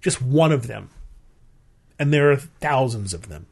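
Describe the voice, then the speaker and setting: A man's voice: mid-range voice, lively intonation, a little slow, creaky, darkish tone. A man co-hosting a show, giving his opinions in casual chat and repeating phrases for emphasis. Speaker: podcast co-host.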